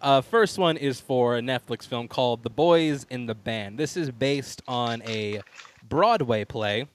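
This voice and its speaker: A man's voice: mid-range voice, unhurried. A man hosting a casual entertainment talk show, introducing and chatting in an informal way. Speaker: podcast host.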